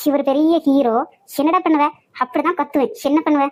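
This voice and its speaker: A woman voicing a brash, high-pitched young heroine. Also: steady tone, natural voice, rough recording. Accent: Nagercoil Tamil. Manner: loud, scolding, quick-tongued. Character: feisty young woman job-seeker, brash and fearless. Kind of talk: cartoon voice acting.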